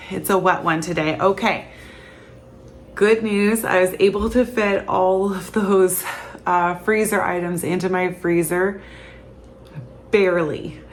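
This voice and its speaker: A woman's voice: on the low side, slight background noise. A woman from Canada in her thirties, chatting casually to camera as a vlogger, tired and laughing often.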